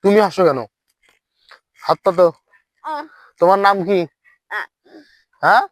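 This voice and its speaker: A man's voice: sits high, unhurried, dry recording. A man playing a strict dance teacher in a comedy skit, bossy and scolding, who chants the dance counts. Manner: scolding, bossy, threatens punishment.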